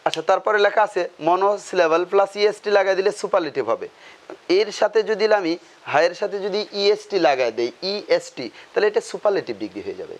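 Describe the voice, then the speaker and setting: A man's voice: high voice, lively intonation, fast talker. A man teaching a grammar lesson, asking questions and answering them himself, repeating key terms.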